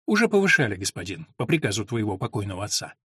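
A man voicing a calm, smug old steward. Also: on the low side, fast talker, husky, no echo, studio quality, pitched below the performer's own voice, full character voice. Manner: calm, unruffled.

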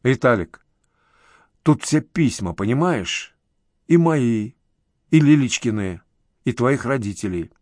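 A man voicing a grieving older uncle, halting and emotional in an audiobook. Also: medium pitch, expressive, darkish tone, no echo, studio quality. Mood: wistful.

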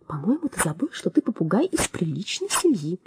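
Woman playing a gentle patient doctor. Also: fairly low pitch, big pitch swings, a little fast, background noise. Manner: gentle, reasoning.

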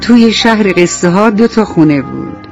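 A woman's voice: medium pitch, expressive, loud music behind the voice. A woman telling a bedtime story to children on the radio, speaking to them directly and affectionately, in a lo-fi recording.

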